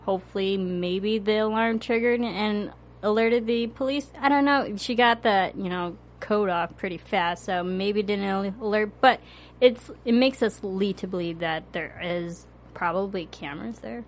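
A woman in her twenties co-hosting a TV recap chat, speaking earnestly and thoughtfully with halting restarts. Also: medium pitch. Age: 20s. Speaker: co-host.

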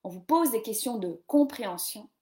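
A woman's voice: on the high side, animated, normal speed, warm tone. A woman in her forties hosting a live reading session, rambling and self-mocking, with many fillers and restarts. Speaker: podcast host doing a live reading session. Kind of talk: casual live-stream chat about reading.

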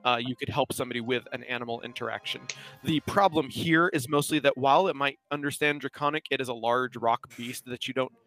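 A man runs a tabletop game for his players, stumbling and restarting as he describes a strange rock creature. His voice sits at an ordinary middle pitch, and faint music plays behind him. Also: fairly even intonation, a little fast, pushed and bright. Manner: hesitant, many restarts and fillers. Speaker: game master.

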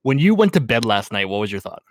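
A man in his mid-twenties with a deep baritone voice, co-hosting a casual podcast chat, laid-back and swearing casually. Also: sing-song, fast, no room sound, studio quality. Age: 20s. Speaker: podcast co-host.

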